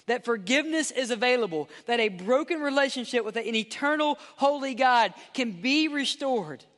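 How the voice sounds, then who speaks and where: A man preaching a sermon as pastor, with impassioned delivery that climbs to loud high peaks and sinks to soft endings. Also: in a large hall.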